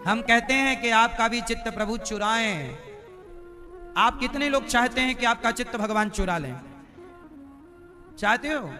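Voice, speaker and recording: A man with a notably high voice delivers a devotional sermon. He keeps quizzing his listeners and scolds them in a preachy, teasing way. Devotional instrumental music plays clearly behind him. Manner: quizzes and teases the audience with questions. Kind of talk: devotional scripture discourse.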